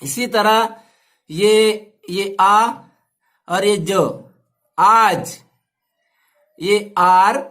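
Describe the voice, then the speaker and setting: Slow, high-pitched male teacher. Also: fairly bright tone. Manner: drawn-out sounds, repeats each word to students. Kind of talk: slow step-by-step language lesson.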